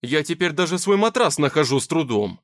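A man's voice: a little high, sing-song, fairly quick, a bit bright, dry recording, voice pushed up. A man voicing a sardonic, grumbling young man with a dry, sarcastic manner. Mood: wry.

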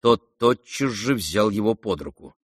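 A man narrating a classic novel as an audiobook, measured and steady. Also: lowish voice, no room sound, clean studio sound.

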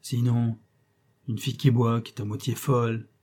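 A man voicing an eager, excitable young male clerk who defers to his boss. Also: mid-range voice, moderate pace, close to an everyday voice. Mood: reassuring.

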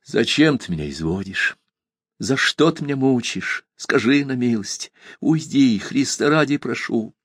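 A man's voice: mid-range voice, expressive, a little slow, breathy edge, no room sound, clean studio sound. A man reading an audiobook, voicing a tearful young village woman who pleads and cries out. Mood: pleading. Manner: pleading, sobbing, rising to cries.

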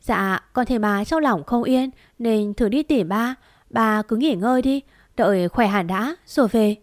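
A woman voicing a humble, kind young village woman who speaks politely and gently. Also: fairly high pitch, unhurried, no room sound, studio quality, natural voice. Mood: gentle.

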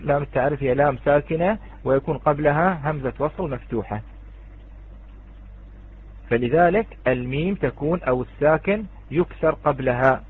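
Man, fairly high voice, husky, patient recitation teacher, repeats words, tinny phone-like audio. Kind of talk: online tajweed lesson.

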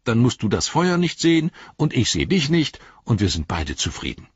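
A man's voice: mid-range voice, huge pitch swings, normal speed, husky, no echo, dull audio, voice pushed up, heavily acted. A man voicing a blunt, grumbling male hobbit servant. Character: stout-hearted gruff male hobbit servant. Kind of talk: audiobook character voice.

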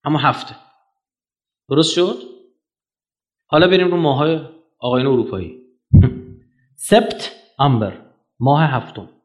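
A man giving a public lecture in an animated, argumentative way, firing rhetorical questions and swinging from loud to soft. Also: fairly high pitch, pauses often. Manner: animated, rhetorical questions, sharp jumps in loudness; mocking, argumentative.

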